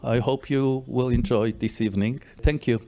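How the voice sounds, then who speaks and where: A middle-aged man, a tour guide speaking to an event audience in a hotel, in halting English with repeated phrases. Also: medium pitch, fairly even intonation, dark tone, a little hiss or hum. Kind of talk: guided history talk to an audience.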